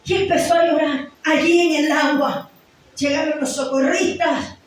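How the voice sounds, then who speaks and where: A woman preacher giving an impassioned sermon, mostly shouting but at times sinking into low, hushed tones. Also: steady tone, normal speed. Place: church hall. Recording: very echoey hall, mic far off, faint noise.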